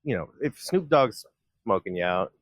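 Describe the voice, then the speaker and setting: A man's voice: on the low side, normal speed, no room sound. Wry man on a dry mic. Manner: relaxed, wry asides. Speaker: podcast host. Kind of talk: casual chat.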